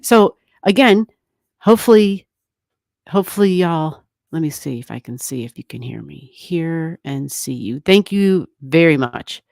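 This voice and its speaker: Her voice is deep, creaky and a little mellow, unhurried but with lively intonation, as she hosts an astrology livestream. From a non-soundproofed room at home she rambles, laughs a lot and chats casually with viewers. A desk mic turned down halfway gives clean studio sound with no echo.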